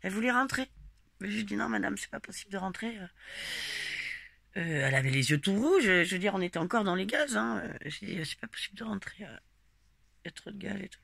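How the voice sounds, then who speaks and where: A woman telling her listeners about a protest in a loose, rambling, animated way, swearing often and speaking to them directly. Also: mid-range voice, fast, gravelly, no echo. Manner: animated, emphatic storytelling with frequent swearing. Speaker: gilet jaune protester recounting a march. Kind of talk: casual spoken personal account.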